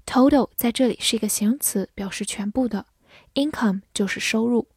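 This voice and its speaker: A woman teaching vocabulary, explaining words patiently, spelling them letter by letter and repeating sentences slowly. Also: fairly high pitch, breathy edge, no echo, clean studio sound. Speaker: English teacher. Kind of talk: vocabulary lesson, spelling and slow read-alouds.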